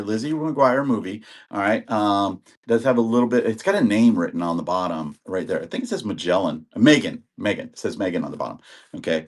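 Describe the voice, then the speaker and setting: A man in his sixties who is recovering from an illness sells videotapes on a live auction stream, rambling casually and greeting viewers by name. His voice is lowish with a darkish tone.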